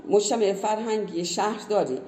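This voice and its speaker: A woman's voice: mid-range voice, warm tone, a little hiss or hum. A woman who teaches language, explaining earnestly in conversation and giving many spoken examples. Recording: roomy echo.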